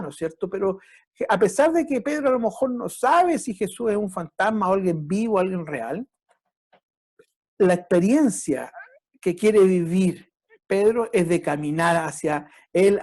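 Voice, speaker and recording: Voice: medium pitch, a little mellow. A preacher giving a reflective sermon who often checks in with the listeners through tag questions and sometimes stops to restart. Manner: halting, with restarts.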